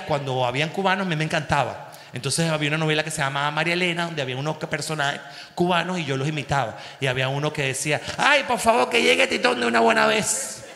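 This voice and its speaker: A Venezuelan man in his forties, a comedian host telling a story on stage in an animated way, with crude slang and sound effects. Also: on the high side. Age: 40s. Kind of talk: stand-up storytelling. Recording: echoey hall.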